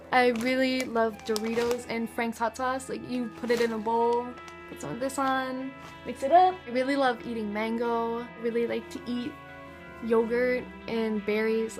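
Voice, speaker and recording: A high-voiced teenage girl talks through her favorite things in a bubbly, slang-filled vlog. She chats casually and eagerly, as if speaking to friends. Soft music plays faintly behind her. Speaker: vlogger.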